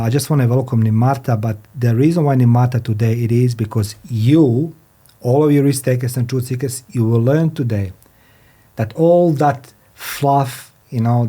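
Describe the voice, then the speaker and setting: In a studio, a male podcast host whose first language is not English introduces and questions a guest. His medium-pitched voice is mellow, and he speaks haltingly, often repeating his phrases.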